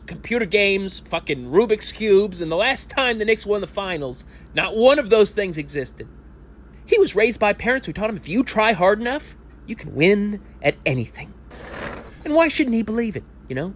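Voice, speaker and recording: Using a full character voice pushed up high and a bit bright, a thirties man plays a lifelong sports fan at a support group in an amateur audio play. Very animated at a moderate pace, the character rambles, pities and mocks himself, and sometimes rises into indignant rants.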